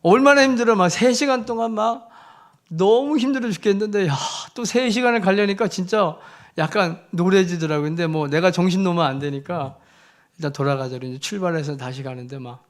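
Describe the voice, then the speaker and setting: A fairly high-voiced male missionary preaches in a church, telling his story with lively swings of loudness. He piles on fillers as he speaks, and his tone stays conversational. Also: fairly quick. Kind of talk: storytelling sermon.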